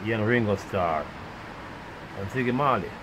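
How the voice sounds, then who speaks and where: A man ranting in a profane monologue, rambling and swinging between loud outbursts and muttered asides. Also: fairly low pitch, lively intonation, moderate pace, noisy background. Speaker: vlogger.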